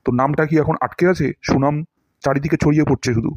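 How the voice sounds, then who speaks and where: Speaking quickly with fairly even intonation, the actor gives his bragging cartoon teacher a slightly high, somewhat mellow voice with a breathy edge. The character berates his students and makes a theatrical show of each word he demonstrates. It's a close, dry recording with no echo.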